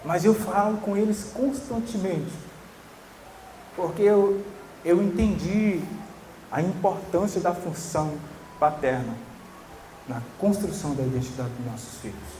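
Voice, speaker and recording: A pastor in his thirties, preaching earnestly and emphatically, dropping to soft tender tones at times. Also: high voice, measured pace, long pauses, slight background noise. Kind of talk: sermon.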